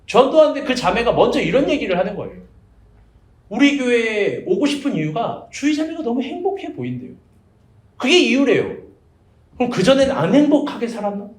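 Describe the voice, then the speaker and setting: A man preaches in a small church, his very high voice swinging up and down as he jokes and questions the congregation. The room around him rings with a roomy echo. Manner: animated, jokey storytelling with questions to the congregation. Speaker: evangelist pastor. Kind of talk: sermon.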